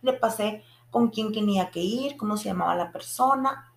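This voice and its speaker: A young woman tells a personal story to her viewers in a casual, animated way. Frustration runs through how she tells it. Her voice has a gravelly fry, and the room around her echoes. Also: mid-range voice, normal speed. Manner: animated, frustrated retelling with frequent restarts and acted quotes. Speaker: vlogger.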